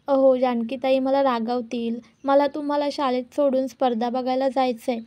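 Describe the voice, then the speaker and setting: A woman's voice: high-pitched, flat delivery, normal speed, dry recording, muffled recording, lightly acted. A woman reading a flustered male servant. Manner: hesitant, flustered. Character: nervous, fumbling male servant.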